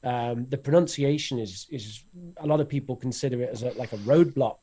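Speaking fairly quickly in a mellow, medium-pitched voice with a breathy edge, a man co-hosts a podcast. He rambles through long interview questions, hesitating, restarting often and using plenty of fillers.

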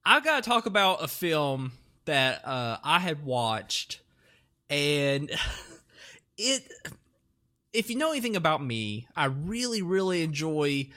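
Man, podcast host, bright forceful voice, slightly high, chatty, laughs a lot. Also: sing-song, takes it slowly. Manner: laughs often, rambling with fillers. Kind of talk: casual chat.

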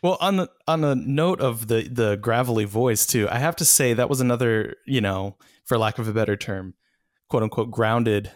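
A man co-hosting a casual movie podcast, talking in a relaxed, loose way with many fillers. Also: medium pitch, normal speed, dry recording, clean studio sound. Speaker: podcast co-host.

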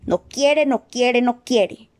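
A hoarse, booming house-elf, put on by a woman reading aloud, stubborn and full of spite. He chants his refusals slowly and over and over. His voice is raised and a little loud in this storybook. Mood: stubborn protest. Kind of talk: audiobook character voice.

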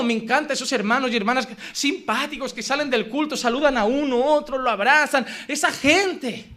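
A man from Spain preaching with a strikingly high voice and a Spanish accent from Spain. His delivery is impassioned and emphatic, hammering home repeated phrases. The tone is bright and forceful. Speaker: pastor. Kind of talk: sermon.

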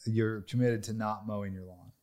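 A man's voice: fairly low pitch, steady tone, moderate pace, darkish tone. A man hosting a casual business conversation, coaching his guests in an emphatic way and laughing easily. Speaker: podcast host.

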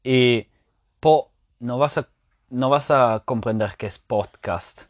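A man hosting a language-learning podcast, talking things through in a casual monologue, pausing often on "eh" and checking in with "¿no?". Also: mid-range voice, no room sound. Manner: thinks aloud, with frequent "eh" pauses and "¿no?" tags; spells out examples slowly and repeats key points. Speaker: podcast host teaching Spanish.

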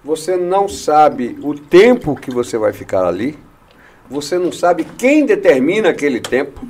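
A man's voice: fairly high pitch, big pitch swings, normal speed, darkish tone, breathy edge. A Brazilian man hosting a talk show, talkative and opinionated, firing rhetorical questions at his guests. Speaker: radio show host. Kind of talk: casual chat.

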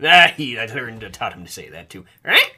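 A man's voice: medium pitch, sing-song, moderate pace, sharp tone. A man, co-hosting a casual podcast chat, joking and laughing often. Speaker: podcast co-host.

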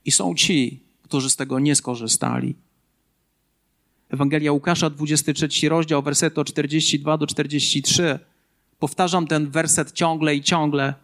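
A man's voice: a little high, steady tone, moderate pace, fairly bright tone. A man preaching a sermon as a pastor, driving points home with earnest, emphatic repetition.

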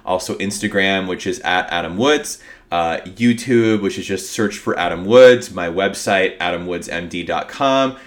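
A man with a fairly low voice hosts a solo podcast. He talks informally and with upbeat energy, as if chatting straight to his listeners. His voice carries the sound of a cold. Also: moderate pace. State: sick with a cold, voice affected. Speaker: podcast host. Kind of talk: casual solo podcast talk.

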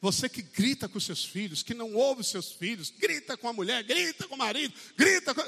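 A man's voice: very high voice, lively intonation, a little fast, gravelly, pushed and bright, breathy edge. A man preaching a sermon in a church service, with a Brazilian Portuguese accent, emphatic and often calling for amens. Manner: emphatic, calls out for amens, acts out quotes. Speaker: pastor. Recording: long church hall reverb.

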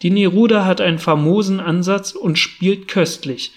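A man reading the part of a brisk, sharp-witted male detective who talks impatiently and commandingly, in an audiobook reading. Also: high-pitched. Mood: elated.

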